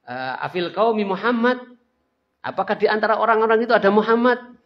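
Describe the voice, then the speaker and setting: A man voicing a boastful enemy commander who shouts proud taunts across a battlefield. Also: high voice, fairly quick, reverberant, pitched above the performer's own voice, close to an everyday voice. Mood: boastful shouting. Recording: dull lo-fi lecture recording.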